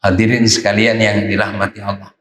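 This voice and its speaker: A man's voice: fairly low pitch, level tone, brisk, fairly bright tone. A man preaching at a dawn mosque gathering in an emphatic manner, often repeating his phrases for weight. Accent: Indonesian. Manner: emphatic, repeats phrases, acts out quoted voices. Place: mosque prayer hall. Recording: echoey hall reverb.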